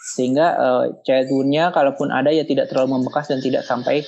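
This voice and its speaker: Guest expert, measured and explanatory, mid-pitched voice, muffled recording. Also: a little hiss or hum. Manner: calm and explanatory, acts out scolding parents in a raised voice. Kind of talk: explaining in a podcast interview. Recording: muffled lo-fi audio.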